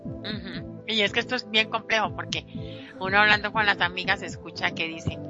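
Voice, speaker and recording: A woman hosts a relaxed talk show in a chatty, playful way. Her voice sits at an average pitch for a woman. Music plays clearly in the background. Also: fairly quick, highs cut off. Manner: chatty, quotes people in a playful tone. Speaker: host. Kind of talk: casual chat.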